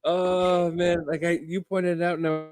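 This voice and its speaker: A man co-hosting a podcast in casual chat, telling stories in a lively, excitable way. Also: high voice, a little slow. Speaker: podcast co-host.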